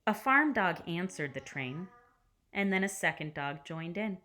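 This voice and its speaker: Expressive and lowish-voiced, a woman teacher reads a picture book to children, pausing deliberately and dropping to a hush at the close of phrases.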